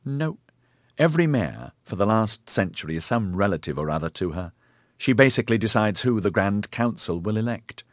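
A man's voice: fairly low pitch, animated, moderate pace, no room sound, studio quality, lightly acted. A man voicing a young woman who explains things incredulously. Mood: explaining. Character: young woman, a knowing friend.

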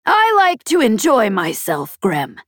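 A woman doing a shrill scornful pirate matriarch. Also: wildly swooping pitch, slow, dry recording, clean studio sound, heavily acted. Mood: teasing. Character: haughty female pirate matriarch, theatrical and scornful.

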